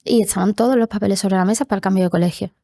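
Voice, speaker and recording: A woman's voice: medium pitch, fairly even intonation, very fast, gravelly, mellow, no echo. Earnest young woman, dry close voice. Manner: earnest, acts out quoted voices from her childhood. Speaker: interview guest. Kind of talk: personal testimony in a podcast interview. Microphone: podcast studio mic.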